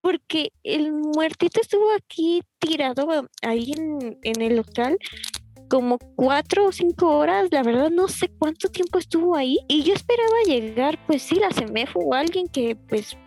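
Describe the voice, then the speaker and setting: A woman's voice: sits high, moderate pace, faint music behind. A young woman with a Mexican accent telling a story in a casual, chatty way, full of fillers and laughs. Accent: Mexican Spanish. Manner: laughs often, chatty fillers, animated retelling.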